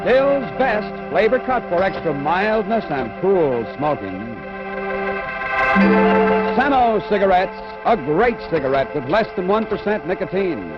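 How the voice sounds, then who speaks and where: An American man delivers a sponsor read as an old radio announcer of the fifties. His high voice swings animatedly over loud organ music, in a dull vintage broadcast sound. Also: sing-song, a little slow. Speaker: announcer reading sponsor credits.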